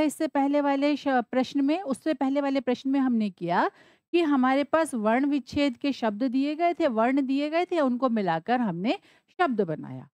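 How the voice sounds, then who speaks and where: A woman's voice: sits high, darkish tone, no room sound. A woman teaching Sanskrit, spelling words out letter by letter and asking and answering her own questions. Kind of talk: classroom explanation.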